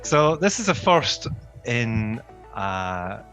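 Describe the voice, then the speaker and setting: A man's voice: mid-range voice, big pitch swings, drawn-out words, a bit bright, faint music behind, low-quality recording. A man hosting a podcast in a casual, informal and jokey conversational style. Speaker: podcast host. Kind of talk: casual banter chat.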